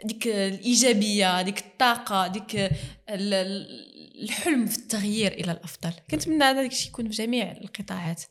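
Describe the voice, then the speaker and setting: Rapid and earnest, this Moroccan-accented woman talks as an interview guest, her speech running quickly and mixing in French terms. She keeps a casual chatting tone throughout. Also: medium pitch. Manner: earnest, mixes in French words.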